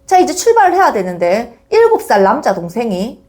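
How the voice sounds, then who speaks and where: Middle-aged woman, parenting lecturer, animated storytelling, fairly high voice. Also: fairly quick. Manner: expressive storytelling, acts out examples.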